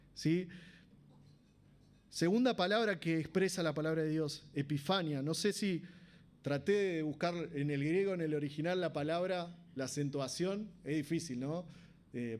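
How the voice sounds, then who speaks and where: A man's voice: on the high side, darkish tone. A man with an Argentine Spanish accent preaching a sermon in a church, talking conversationally and often asking the congregation rhetorical questions.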